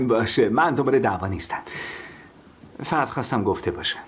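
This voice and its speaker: A man's voice: mid-range voice, expressive, a little hiss or hum, natural voice. A man dubbing a cocky young man who talks in casual, joking slang. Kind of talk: dubbed drama dialogue.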